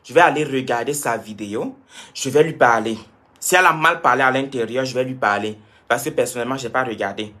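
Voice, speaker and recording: Brisk and sharp-toned, this young Cameroonian's mid-range voice carries casual live-stream talk as he responds to viewer comments and repeats points to stress them.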